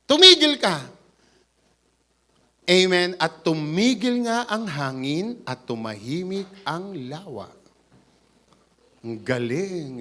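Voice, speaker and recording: Animated Batangas-accented man preaching a sermon. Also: on the high side. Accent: Batangas Tagalog. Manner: animated, acts out quoted voices, mixes English in. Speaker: pastor. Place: church.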